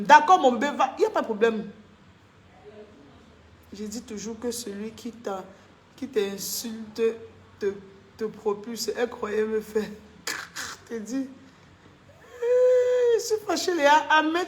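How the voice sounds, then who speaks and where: A woman's voice: on the high side, roomy sound. A woman, chatting casually on a live stream, reading comments and answering viewers, laughing often.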